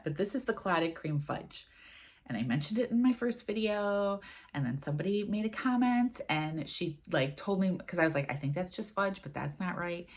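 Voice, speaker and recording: Low-voiced chatty woman vlogger. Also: gravelly. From United States. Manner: chatty, rambling, full of "like" and "um". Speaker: cross-stitch vlogger. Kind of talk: casual chat.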